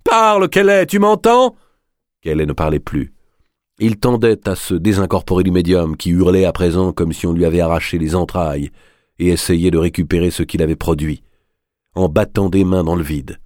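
Low-voiced man narrating a dark tale. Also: fairly even intonation, brisk, no room sound, studio quality. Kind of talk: audiobook narration.

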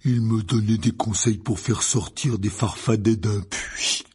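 A man voicing a big, good-natured gamekeeper who speaks in a slow, blunt and plain-spoken way. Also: fairly low pitch, fairly even intonation, a little mellow, breathy edge. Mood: gruff.

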